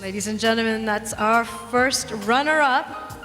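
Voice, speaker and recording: Lady hosting a pageant, kinda high voice, formal presenter style, echoey hall. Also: measured pace, fairly bright tone. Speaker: pageant host. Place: large event hall stage. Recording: reverberant hall, event music.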